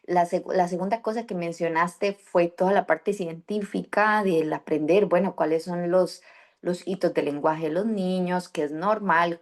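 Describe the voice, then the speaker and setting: A podcast host and bilingual parenting coach interviews a guest conversationally about raising bilingual children. She speaks reflectively in a lowish, slightly mellow voice, with many fillers and restarts.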